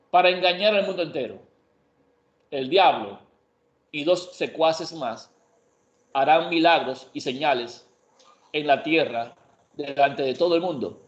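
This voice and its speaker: Emphatic preacher man in an echoey room. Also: on the high side. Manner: emphatic, asks and answers his own questions. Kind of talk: Bible prophecy teaching. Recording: echoey room, dull lo-fi sound.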